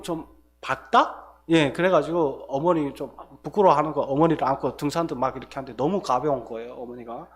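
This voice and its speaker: North Korean man giving church testimony. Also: a little high. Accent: North Korean (Hamgyong). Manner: earnest storytelling with fillers and self-corrections. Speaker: invited guest speaker at church. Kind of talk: personal testimony in a church service.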